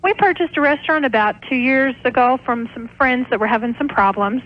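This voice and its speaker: An American woman who owns a small restaurant phones in to a radio show, her voice sitting high and moving a little fast. She explains things hesitantly and ramblingly in this unscripted call, heard through a telephone with dull, lo-fi sound.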